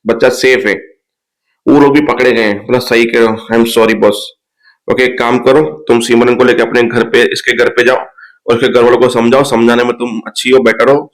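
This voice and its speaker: Flat-voiced man recapping a serial. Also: medium pitch, rough recording. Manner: retells scenes, quoting characters after "bola". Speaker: episode recap narrator. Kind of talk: casual serial episode recap.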